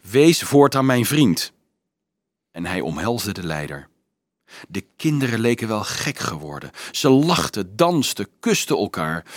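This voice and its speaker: A man reading a children's novel aloud in a lively, expressive storytelling manner. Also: on the low side, no echo. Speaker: audiobook reader.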